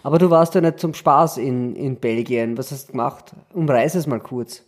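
A man's voice: medium pitch, moderate pace, darkish tone. A man hosting a casual podcast chat, joking and laughing often. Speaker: podcast host.

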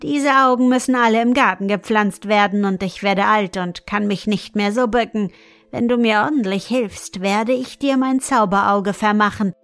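A woman's voice: mid-range voice, moderate pace, fairly bright tone, no room sound, soft background music, natural voice. A woman reading an evil old wizard. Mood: scheming. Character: evil old male wizard who lures children.

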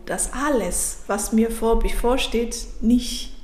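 A woman in her thirties, born and raised in Africa, tells her personal story as a podcast guest in German, which is not her first language. She speaks slowly and reflectively, often halting and restarting sentences. Her fairly high voice has a darkish tone, and the room adds a noticeable echo.

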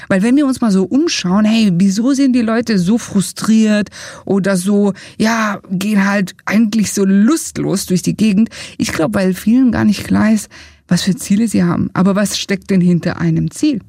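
A woman's voice: mid-range voice, normal speed, warm tone, dry recording, studio quality. A woman coach explaining to viewers, asking rhetorical questions and laying out her points step by step. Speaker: coach and trainer.

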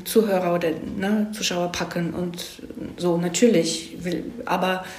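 This screenwriter speaks in a slightly mellow, medium-pitched voice during an interview, keeping things conversational. She keeps checking that her listener agrees with frequent "ne?" tags, and the room she's recorded in echoes.

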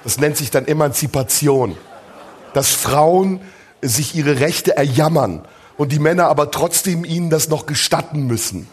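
A man's voice: a little high, lively intonation, moderate pace, slightly rough. A man hosting a live comedy podcast on stage, ranting in a crude, sarcastic way. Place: live show in a tent venue.

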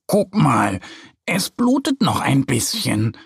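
A man's voice: medium pitch, wildly swooping pitch, takes it slowly, creaky, slightly rough, no room sound, studio quality, exaggerated voice. Man voicing a curious little bear cub. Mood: eager. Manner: whiny and eager.

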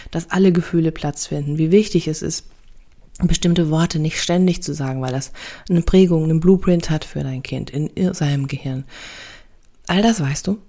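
A woman's voice: low voice, dark tone. A woman talking as a parenting coach and podcast host in a casual, reassuring way, often tagging her sentences with little confirming words. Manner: conversational, reassuring, fillers like ja and ne.

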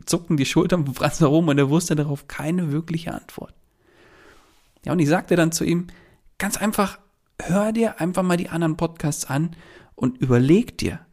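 Man, podcast coach, gravelly voice, chatty, addresses the listener directly, solo monologue. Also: a little high, a little mellow. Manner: chatty storytelling, many filler "ja".

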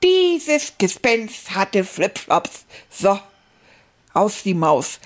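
A woman's voice: medium pitch, sing-song, extremely slow. A woman voicing a cheerful, boastful male stuffed rat puppet who chats playfully to children as a storyteller. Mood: eager storytelling. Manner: playful, exclamatory, boastful, chatty.

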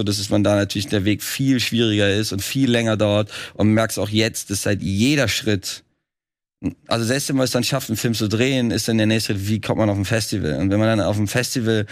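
A man's voice: on the low side, fairly even intonation, fairly quick, dry recording, studio quality. A man from Germany, a filmmaker guest, talking in a casual podcast conversation with many restarts and fillers.

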